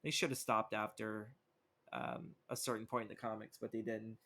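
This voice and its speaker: A man's voice: on the low side, little pitch movement, moderate pace, gravelly, bright, forceful tone. Rambling, cursing young man chatting. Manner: rambling, profane, lots of fillers. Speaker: podcast co-host. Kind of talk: casual chat.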